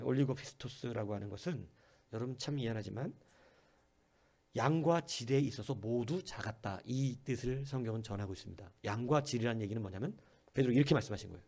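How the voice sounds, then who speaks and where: Male pastor, sermon delivery, mellow husky tone, talks with the congregation, shifts from whispers to loud bursts. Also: medium pitch. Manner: conversational preaching, often asking the congregation questions; acts out quoted voices, from soft whispers to sudden loud bursts.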